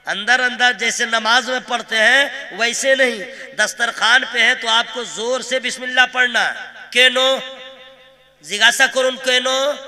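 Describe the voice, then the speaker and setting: A male preacher from Kolkata giving a humorous sermon, teasing the audience and chanting verses in a slow melody. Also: extremely high pitch, bright, forceful tone. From Kolkata, India. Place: religious gathering with a pulpit.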